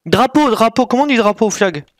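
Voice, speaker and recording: A man's voice: very high voice, lively intonation, brisk, no room sound. A man giving casual gameplay commentary, thinking aloud while he plays and mocking himself with frequent apologies. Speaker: gaming YouTuber.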